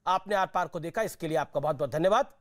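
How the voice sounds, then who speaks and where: A man's voice: fairly high pitch, fast. A man anchoring a televised news debate, pressing and repeating his questions over interruptions and then closing the show. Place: TV studio.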